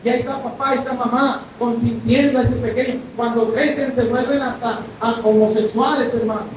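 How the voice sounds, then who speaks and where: Fairly quick and steady in tone, a male pastor delivers his sermon in a church hall, often checking that the congregation is following along. The recording is echoey, with a distant mic and a faint rumble underneath.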